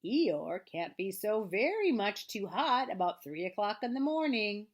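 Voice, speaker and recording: A woman voicing a gloomy, self-pitying, sarcastic male toy donkey in a children's story, with a slow, melancholy, drawn-out delivery. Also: medium pitch, very animated.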